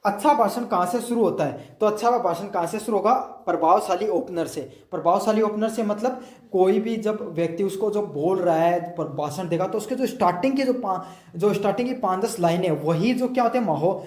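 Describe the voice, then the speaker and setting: A man's voice: sits high, a little mellow, roomy sound. A man tutoring students through exam questions, asking his own questions aloud, answering them and repeating each point in other words. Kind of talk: explaining multiple-choice answers.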